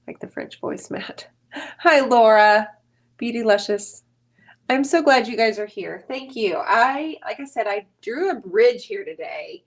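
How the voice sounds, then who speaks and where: Chatty woman hosting a painting live stream. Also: on the high side. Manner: chatty, teasing, greets viewers by name. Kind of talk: casual live-stream chat while painting.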